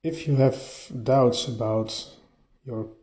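A man with a mellow voice hosts his solo podcast. He talks straight into his phone's voice-note app, so the sound is dull and lo-fi, with a little room echo from a half-furnished bedroom. He speaks haltingly and often repeats words as he restarts. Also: mid-range voice, fairly even intonation. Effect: voice recorded on a phone. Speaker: podcast host. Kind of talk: casual solo podcast monologue. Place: partly furnished bedroom, a bit echoey. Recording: lo-fi phone recording, echoey room.

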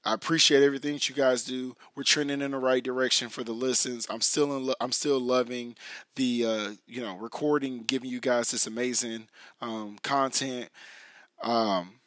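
An American man hosting a casual solo podcast in a hoarse, raspy whiskey voice, half lost, rambling and slangy as he addresses listeners directly. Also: mid-range voice, steady tone, normal speed, fairly bright tone, no room sound. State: hoarse, losing his voice. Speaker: podcast host.

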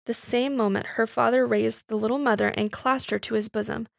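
Woman narrator, slightly high, gravelly, dry close read of a period story. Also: dry recording. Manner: measured, expressive storytelling. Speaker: reader. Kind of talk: scripted narration of a Victorian short story.

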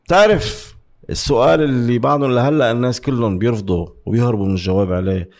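Fast-talking, argumentative Lebanese man. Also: on the low side, darkish tone. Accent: Lebanese Arabic. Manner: argumentative, interrupting, repeats words emphatically, asks rhetorical questions. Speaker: interview guest giving political commentary. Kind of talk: heated conversational political debate.

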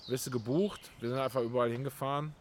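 Guy hosting, chatty and lively, gets loud when he's into it, bit of outdoor noise. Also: mid-range voice, quick pace. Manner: lively storyteller, swings loud when excited. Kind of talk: casual chat.

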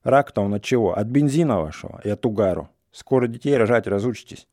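A gruff old village grandfather, calm and blunt, scolding without hurry, as a male reader puts him on. The voice sits low and warm. The sound is dry and close. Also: quick pace, no echo, natural voice.

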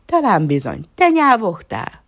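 A woman's voice: medium pitch, wildly swooping pitch, pitched above the performer's own voice. A woman voicing a curious young puppy in a children's story, earnest and questioning. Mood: eager.

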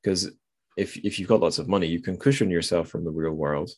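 On his podcast, a male host rambles casually about literature, musing and thinking aloud. His voice is low-pitched and runs a little fast.

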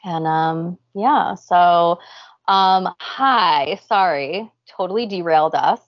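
A woman co-hosts a casual podcast in a raspy voice that is going hoarse and breaking. Her voice sits a little low. The recording is dry and slightly dull, with little top end. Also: slow pace, no echo. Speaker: podcast co-host.

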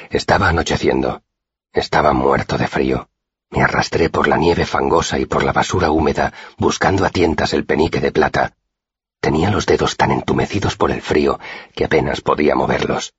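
A man narrating an audiobook in a steady, measured first-person telling, in a dull, dry recording. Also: very deep voice, breathy edge, no room sound.

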